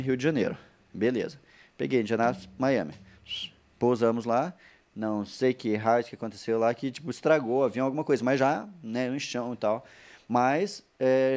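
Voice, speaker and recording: A man's voice: medium pitch, darkish tone. A man with a Brazilian Portuguese accent telling a long personal anecdote in casual chat, with repeated words and quoted asides. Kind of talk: casual storytelling.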